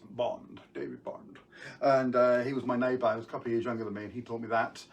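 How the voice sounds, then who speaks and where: Man, live-stream magician, casual rambling chat, mid pitch, a bit far from mic. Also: little pitch movement, very fast, dull audio, a little hiss or hum. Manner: chatty, rambling, greets viewers by name. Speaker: magician hosting an online show. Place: at home.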